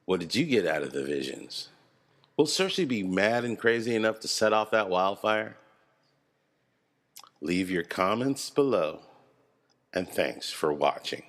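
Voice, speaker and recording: Low-voiced man breaking down a show. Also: measured pace, long pauses. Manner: animated, swears casually, chuckles. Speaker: video creator analyzing a TV series. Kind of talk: casual video commentary.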